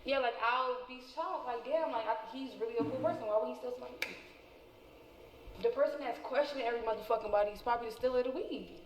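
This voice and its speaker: A woman's voice: on the high side, fast talker, slight background noise. A woman on a reality show, laughing off accusations in a giggly, defensive way, recorded in a house. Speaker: reality show cast member. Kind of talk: reality TV confessional banter. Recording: roomy, reverberant, distant house audio from a show.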